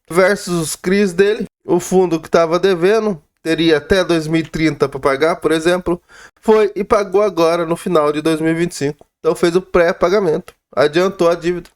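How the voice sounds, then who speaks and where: Congested Brazilian man, slightly high voice. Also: brisk. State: sore inflamed throat and head cold, congested voice with slightly impaired diction. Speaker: YouTube host reviewing real-estate funds. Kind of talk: informal financial report commentary.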